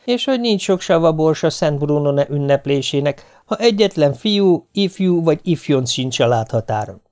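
A man reading the lines of a calm, unflappable middle-aged mother in an audiobook, in a dry, matter-of-fact way. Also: fairly high pitch, voice pushed up, lightly acted.

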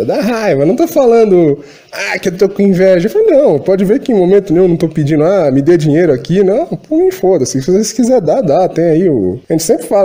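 A man's voice: sits high, dark tone. A Brazilian man hosting his channel, delivering an agitated, profanity-laden rant. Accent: Brazilian Portuguese. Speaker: channel host. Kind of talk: ranting monologue.

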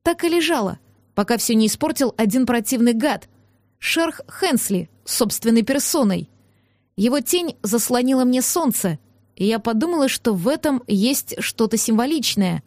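A woman reading a novel aloud as first-person narrator, in an expressive storytelling manner. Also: on the high side, moderate pace, no room sound, studio quality. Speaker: audiobook narrator.

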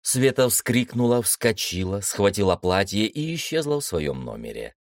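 A man reads a novel aloud in a deep, low register, his pitch rising and falling freely as he shifts tone for each character. The recording is dry and close to the mic, with no room sound. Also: very animated, normal speed, dry recording. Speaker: audiobook narrator. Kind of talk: scripted audiobook narration.

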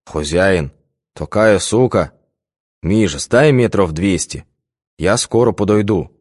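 A man reading an audiobook voices a gruff, grumbling village guard, drawing out his words. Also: low voice, slow, no echo, studio quality. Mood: hushed.

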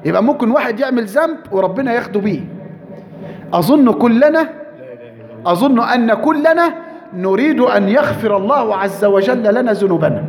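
High-voiced Egyptian preacher in a reverberant hall. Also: male voice, expressive, a little mellow. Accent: Egyptian Arabic. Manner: emphatic, repeats key phrases, slows down for emphasis. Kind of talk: sermon.

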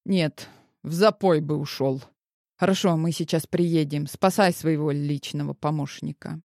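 A woman's voice: sits low, fairly even intonation, measured pace, a little mellow, no room sound, clean studio sound. A woman voicing a lazy, wisecracking young man who drawls ironic remarks.

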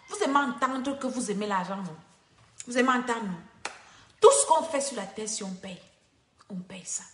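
A woman preaches on her show in a high, bright, sharp voice. She scolds and exhorts emphatically, repeating phrases for force. The room around her is echoey. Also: slight background noise.

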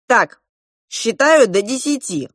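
A woman voicing a bossy, impatient young prince who speaks loudly and commandingly. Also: a little high, expressive, slow, no echo, clean studio sound, voice pushed up. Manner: commanding, loud.

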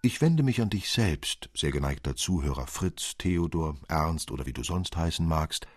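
This literary fairy tale is read by a man whose voice is very low and husky. He tells it expressively but at a measured pace, recorded close and dry with no room sound at all.

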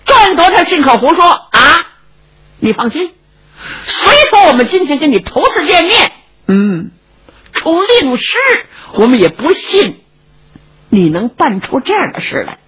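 A woman voicing a hearty old male hero who talks briskly, bantering and commanding. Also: sits high, sing-song, a bit bright, pitched above the performer's own voice, exaggerated voice. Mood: reassuring.

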